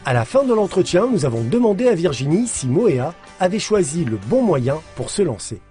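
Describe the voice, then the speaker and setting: A man giving scripted voice-over narration for a business report, with an even, lively delivery. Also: sits high, normal speed, soft background music.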